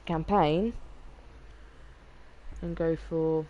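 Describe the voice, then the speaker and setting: A tired woman streaming a game, talking in a monotone and rambling with restarts and apologies. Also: low voice, very slow, lo-fi sound. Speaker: gaming streamer. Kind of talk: casual gameplay commentary.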